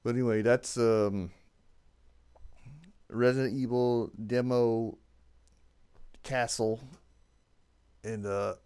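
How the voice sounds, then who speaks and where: A man's voice: medium pitch, fairly even intonation, slow, long pauses, warm tone, smooth. A man giving casual gameplay commentary as a channel host.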